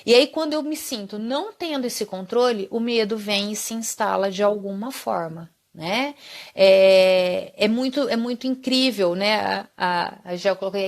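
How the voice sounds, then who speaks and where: A woman hosting a live psychology talk, explaining patiently and often checking in with the viewers. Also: mid-range voice. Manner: explanatory, often adds tag question 'né'. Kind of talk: live stream talk answering viewer comments.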